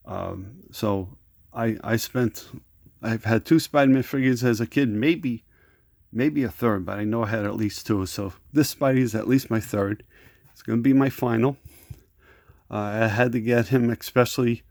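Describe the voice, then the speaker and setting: A man's voice: fairly low pitch, gravelly, darkish tone, dry recording, clean studio sound. A middle-aged man casually reviewing action figures, rambling and nostalgic, often repeating words and restarting sentences. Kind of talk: casual toy review vlog.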